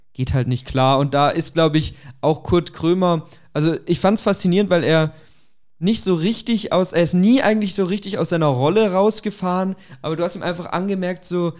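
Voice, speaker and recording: A man's voice: fairly high pitch, darkish tone. A man chatting casually as a podcast host, hedging carefully as he makes his points.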